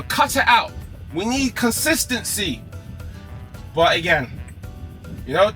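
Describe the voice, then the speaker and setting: Chatty high-voiced man driving. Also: sharp tone. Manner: chatty, banters with slang. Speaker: rideshare driver vlogger. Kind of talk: casual chat with passenger. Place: inside a car.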